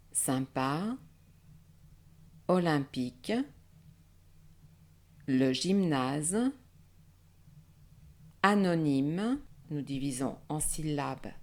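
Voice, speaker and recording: A woman teaching French nasal vowels, saying words slowly and breaking them into syllables. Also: low voice, a little mellow. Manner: slow, deliberate, syllable by syllable. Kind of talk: slow pronunciation drill.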